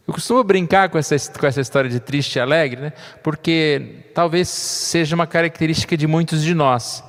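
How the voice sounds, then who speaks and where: A man preaching a sermon as pastor, chatty and joking, checking in with his listeners often. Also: on the high side. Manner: conversational, frequent tag questions, light humor. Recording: long reverb of a church hall.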